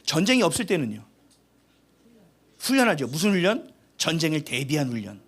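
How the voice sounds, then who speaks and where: High, lively male pastor preaching. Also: brisk. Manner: animated, humorous, exhorting. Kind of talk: sermon.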